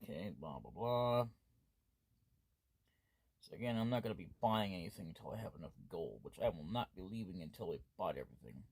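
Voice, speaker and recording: A man's voice: deep voice, expressive, a little fast, creaky, darkish tone, husky. A man doing gameplay commentary, casually rambling and reading the game's text aloud, punctuation included. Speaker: let's play host.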